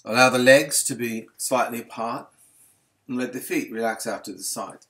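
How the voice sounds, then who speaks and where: Guiding listeners through relaxation, a yoga instructor speaks in a medium-pitched male voice. Each instruction comes gently and soothingly, and his manner is calm and never rushed.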